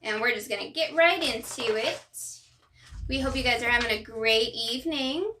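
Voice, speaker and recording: High, bright woman reading a children's storybook. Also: moderate pace, slight background noise. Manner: addresses child listeners with questions. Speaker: bedtime story host and reader. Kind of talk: children's storybook read-aloud with chatty asides.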